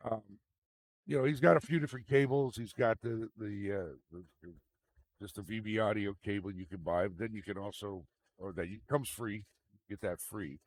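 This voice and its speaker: A man giving a casual, unscripted tech demonstration, rambling and repeating himself, with a gravelly voice. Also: on the low side, fairly even intonation, normal speed, dry recording. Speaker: tech video host. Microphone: microphone into computer audio mixer. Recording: very noisy microphone with fan noise. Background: fan running.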